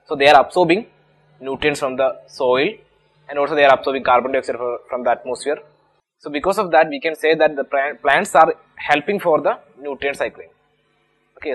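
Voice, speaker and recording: A man's voice: fairly high pitch, a bit bright, slightly rough, poor audio. A man with an Indian English accent teaching an exam-prep lesson, explaining patiently and restating each point step by step. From Kerala, India. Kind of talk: explanatory lecture.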